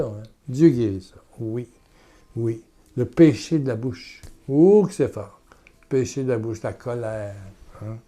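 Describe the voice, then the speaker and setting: Slow, mellow Québécois preacher man. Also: medium pitch. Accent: Québécois French. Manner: earnest, repetitive, swings from loud urging to soft murmurs. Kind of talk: sermon and guided prayer.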